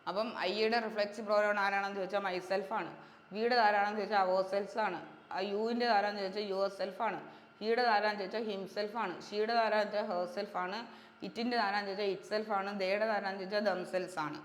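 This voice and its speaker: A woman teaching grammar, repeating each point and pausing to check that students follow. She speaks in a level, even tone. The room is echoey with a long reverb tail, and a faint hiss sits underneath. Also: mid-range voice. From Kerala, India. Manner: repetitive drilling, checks understanding with quick questions. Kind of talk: exam-prep grammar lesson.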